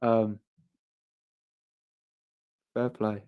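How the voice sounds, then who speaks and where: Heard through phone-quality sound, a man with a lowish, smooth voice hosts a live stream in a flat, extremely slow delivery. He rambles, reads comments from viewers, repeats phrases, and keeps restarting.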